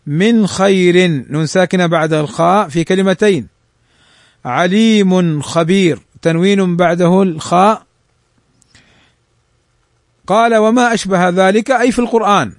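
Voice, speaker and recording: A man teaching the rules of Quran recitation. He reads the rules quickly and draws the examples out slowly. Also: high-pitched, fairly even intonation, no echo, studio quality. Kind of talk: tajweed lesson explaining a text.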